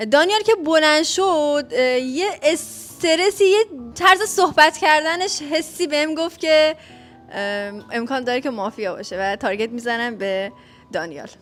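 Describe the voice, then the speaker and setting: Bright high-voiced woman player. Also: a little hiss or hum.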